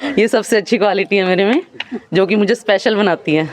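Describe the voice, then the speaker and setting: A woman who works as a school information manager, speaking slowly and with measure at a spiritual gathering, mixing English into her Hindi. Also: mid-range voice, noisy background.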